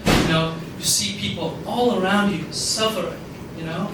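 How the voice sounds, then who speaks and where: A man's voice: high-pitched, steady tone, normal speed. A young man from Afghanistan giving an alumni talk at an event, rambling with many fillers. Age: young adult. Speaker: alumni speaker. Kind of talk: speech at a networking event. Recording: echoey room from far off, background noise.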